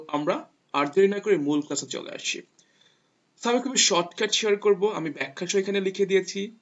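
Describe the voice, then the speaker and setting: Male tutor, higher voice, patient, repeats each rule; dull lo-fi recording. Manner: patient, repeats rules step by step. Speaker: English teacher. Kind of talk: explaining grammar to viewers. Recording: dull lo-fi sound.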